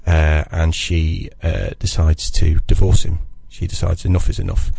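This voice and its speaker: A man co-hosting a casual film chat, recapping a story in a measured way, checking in with "okay?". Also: low-pitched, flat delivery, gravelly, mellow, breathy edge, dry recording. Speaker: podcast co-host.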